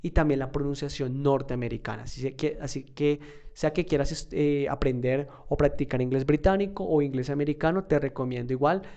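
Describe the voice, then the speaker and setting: A man's voice: mid-range voice, steady tone, a little fast, a little mellow, muffled recording. A man teaching an online English lesson, talking conversationally with many fillers and questions to the listener.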